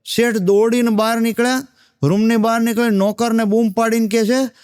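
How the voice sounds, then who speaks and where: High-voiced comedian telling jokes. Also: male voice, little pitch movement, fairly quick, a little mellow, smooth, no room sound, studio quality. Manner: chatty, with asides to the audience. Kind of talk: stand-up joke telling.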